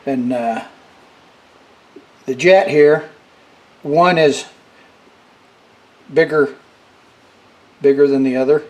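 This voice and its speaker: A middle-aged man giving a casual hands-on tutorial as he works, halting and unhurried, in a workshop with rain on a tin roof. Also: medium pitch, darkish tone, highs cut off. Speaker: repair demonstrator. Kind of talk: hands-on tutorial, casual talk while working. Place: workshop with metal roof, indoors. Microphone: camera over the workbench. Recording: noisy shop, rain on metal roof. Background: rain drumming on tin roof.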